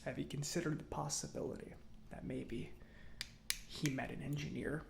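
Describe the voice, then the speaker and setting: A man performs a soft-spoken ASMR roleplay as a chatty, self-satisfied government robot mechanic who gently scolds, his slightly high voice near-whispering with gravelly fry. He muses skeptically and smugly at leisure, in a flat, unhurried, hesitant way with pauses. Heavy background noise sits behind him.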